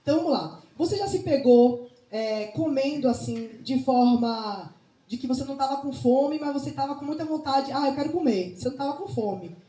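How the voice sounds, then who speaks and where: Her voice is high-pitched and mellow, and she talks fairly quickly, carrying a Bahian accent from Salvador, Brazil. As a nutrition speaker and missionary, she addresses a women's group indoors in an informal, instructive talk with religious touches, regularly asking for agreement with tag questions. The room echoes slightly, with faint noise.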